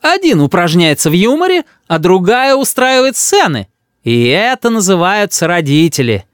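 A man voicing a fussy, doting old grandmother who scolds and exclaims in a high voice. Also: sing-song, moderate pace, no echo, studio quality. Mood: scolding.

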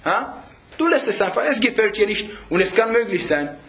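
A crowd can be heard behind a man preaching in a high-pitched, sing-song voice at a moderate pace. He's an Islamic preacher teaching a group informally, chatting with rhetorical check-ins to listeners and weaving Arabic phrases into his speech.

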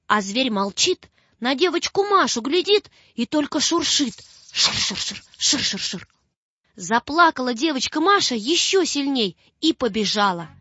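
Expressive woman reading a children's tale. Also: high-pitched, no room sound. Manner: expressive, slow storytelling. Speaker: audiobook narrator. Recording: dull dry recording with faint music.

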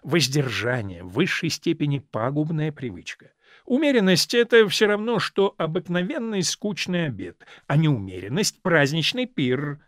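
A man reading aloud and voicing a witty, cynical aristocratic gentleman who speaks in urbane, ironic epigrams. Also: on the high side, big pitch swings, moderate pace, dry recording, studio quality.

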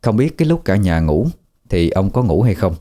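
Deep-voiced male horror storyteller. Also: very animated, normal speed, dark tone. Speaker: narrator.

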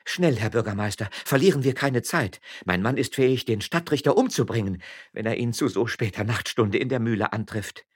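A man's voice: mid-range voice, expressive, brisk, slightly rough, voice pushed up. A man voicing a proud, fiery young miller's wife who speaks firmly and indignantly. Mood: urgent.

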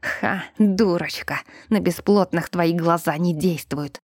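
A woman voicing a vengeful male spirit that possesses a girl, talking in a low, slow, hissing whisper. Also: darkish tone, husky, dry recording, clean studio sound, heavily acted. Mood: menacing.

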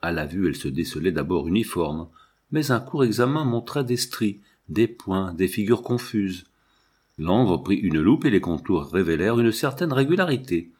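Male narrator, audiobook reading, measured, deep-ish, raspy. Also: lively intonation, a little mellow. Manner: measured, literary.

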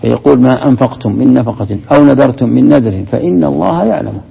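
A man's voice: mid-range voice, fast talker, creaky, husky. A man teaching Quran commentary in a lesson, explaining step by step and asking and answering his own questions, with in his speech. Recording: dull, lo-fi recording in a reverberant hall.

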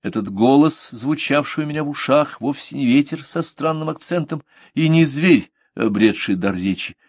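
A man's voice: medium pitch, lively intonation, normal speed, dry recording, studio quality. A man narrating a novel in the first person, reading expressively and dramatically. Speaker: audiobook reader. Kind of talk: scripted literary narration.

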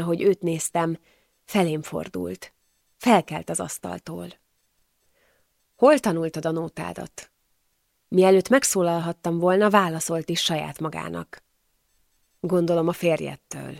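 A woman narrating a first-person audiobook in a calm, measured way. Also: fairly low pitch, gravelly, dry recording, clean studio sound.

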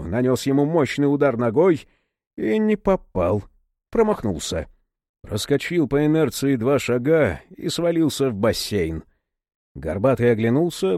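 A male audiobook narrator with a mellow, dark voice and a lively, rising and falling reading. The sound is dry and close to the mic, with no room around it. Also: mid-range voice, no echo. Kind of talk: scripted narration.

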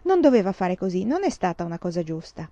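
A woman voicing an earnest teenage girl who speaks with quiet indignation. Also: fairly low pitch, big pitch swings, fast, dry recording. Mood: indignant. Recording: slightly dull, dry recording.

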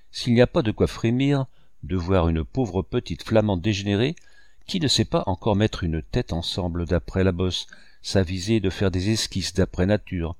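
Brief: male reader as a genial gruff old uncle, low voice, teasing in good humor. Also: a little mellow, no echo, clean studio sound, close to an everyday voice. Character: jovial older male painter, gruff uncle.

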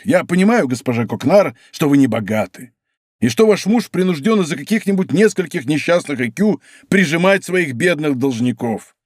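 A man's voice: fairly high pitch, no echo, studio quality, voice pushed up. A man voicing a boastful, good-natured musketeer who talks grandly and plays melancholy.

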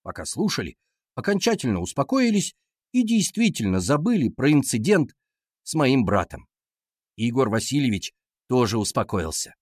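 A man reading a children's story aloud as scripted narration, lively and expressive. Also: medium pitch, normal speed, no room sound, studio quality. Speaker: audiobook reader.

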